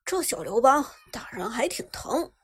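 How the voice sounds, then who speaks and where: A woman's voice: on the high side, very animated, moderate pace, a bit bright, breathy edge, dry recording, clean studio sound, exaggerated voice. A woman voicing a sly, mocking male pro gamer who drawls his taunts. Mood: taunting.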